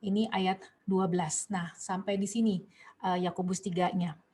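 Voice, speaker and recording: A woman's voice: on the low side, flat delivery, moderate pace, dark tone, husky. A young woman with an Indonesian accent leading an online Bible study discussion, asking questions and reading verses aloud. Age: young adult. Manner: questioning, reads verses aloud, many restarts.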